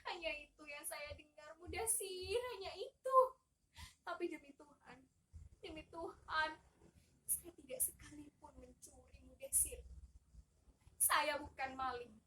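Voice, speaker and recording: A woman's voice: high-pitched, a little slow, pauses often, bright, forceful tone, slight background noise. A young woman acting in a stage monolog, playing an abused, imprisoned female migrant worker who speaks with passion, cries out and sobs. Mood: anguished, sobbing. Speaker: student actor. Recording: distant mic.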